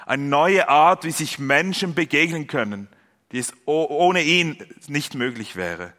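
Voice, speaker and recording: Bright-voiced male preacher in a reverberant hall. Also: on the high side, unhurried. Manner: reads scripture aloud and retells a parable calmly. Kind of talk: sermon. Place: church.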